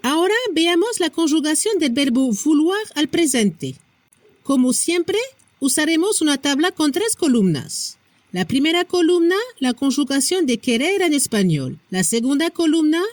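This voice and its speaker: Slow, lively high-voiced woman teacher. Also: no room sound. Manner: spells out each pronunciation step by step; says the French example forms lower and more slowly. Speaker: French teacher. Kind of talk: scripted language lesson.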